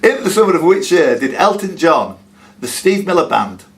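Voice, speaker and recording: A man hosts a live pub-style quiz, reading questions aloud and ad-libbing chatty, jokey banter between them. His voice is a little high with big pitch swings and a moderate pace, and the live room recording has clear background noise.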